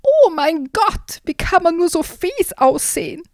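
Shrieking crowned monster. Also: female voice, big pitch swings, a little slow, dry recording, studio quality, heavily acted. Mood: disgusted. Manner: shrieking, high and disgusted.

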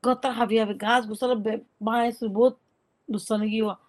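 A woman's voice: fairly high pitch, level tone, brisk, a little mellow. A woman who is a native Rohingya speaker, giving a conversational first-hand account and often repeating words. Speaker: interviewee recounting an eyewitness experience.

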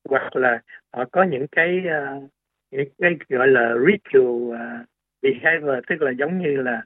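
Heard over a tinny, phone-style radio connection, a male doctor guest talks at a medium pitch and an unhurried pace with no room sound. His explanations are halting, packed with fillers and false starts.

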